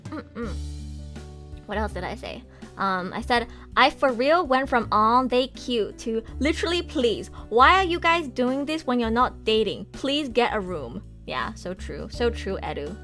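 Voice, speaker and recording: Lively, animated young woman streamer. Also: on the high side, unhurried, faint music behind. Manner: animated, exasperated ranting with frequent laughs and swearing. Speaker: VTuber streamer. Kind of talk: casual livestream chat.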